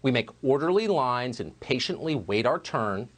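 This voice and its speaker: A man delivering a scripted opinion monologue as a news host, measured and emphatic. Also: mid-range voice, very animated.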